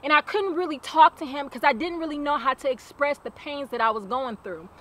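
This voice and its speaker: This survivor, a young woman, shares her life story in a sincere, straightforward way, echoing certain phrases for emphasis. Her voice sits high with a sharp edge, and she talks fairly quickly.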